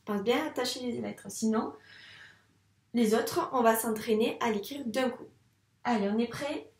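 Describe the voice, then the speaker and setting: A woman teaching young children handwriting, speaking patiently and slowly spelling words out syllable by syllable. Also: on the high side, reverberant, distant mic. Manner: slow, patient, syllable-by-syllable dictation. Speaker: primary school teacher.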